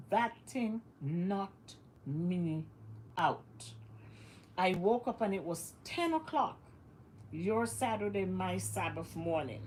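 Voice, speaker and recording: A vlogger from the West Indies addresses her viewers in a casual to-camera monologue, sounding nasal and congested because she is sick. Her voice is medium in pitch with a darkish tone, she repeats phrases for emphasis, and the recording is low quality with slight background noise.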